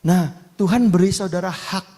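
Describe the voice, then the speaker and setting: A middle-aged man preaching a sermon, lively and chatty, often turning to the congregation. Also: sits high, moderate pace. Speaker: pastor. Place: church hall. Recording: long reverb of a large hall.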